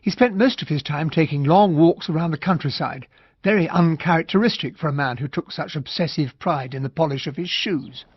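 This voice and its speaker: A proper, earnest English army captain from a radio mystery. His voice is lightly husky and on the high side. The sound is slightly muffled. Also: fairly quick. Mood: measured narration. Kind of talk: radio drama dialogue and narration.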